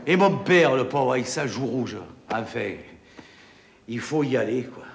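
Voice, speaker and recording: A man's voice: mid-range voice, expressive, measured pace, vocal fry, echoey room, slight background noise. A man playing a young son torn over a duel. He moves from hesitant to mock-heroic boasting. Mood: musing. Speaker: sitcom actor playing Rodrigue in a parody.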